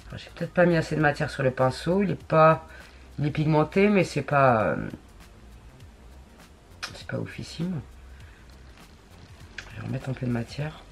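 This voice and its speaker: A woman's voice: sits low, expressive, moderate pace, creaky, pauses often, a little hiss or hum. A woman chatting casually through a makeup tutorial, slangy and talking to herself as she works. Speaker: beauty vlogger.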